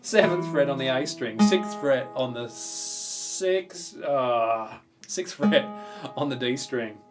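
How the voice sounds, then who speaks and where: A man with an Australian accent speaks slowly and expressively in a mid-range voice as he gives a relaxed guitar lesson, chatty and full of enthusiasm. Acoustic or electric guitar strumming is prominent beside his voice.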